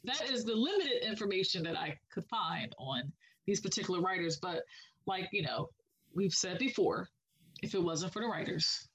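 A woman co-hosting a casual podcast about songwriting, speaking in an unhurried, affirming way with many filler pauses. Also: lowish voice, lively intonation, husky, rough recording. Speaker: podcast co-host.

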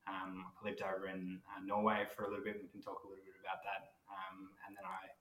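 An Australian man from Western Australia, a startup co-founder giving relaxed, rambling interview answers with frequent ums. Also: low voice, fast, reverberant, poor audio.

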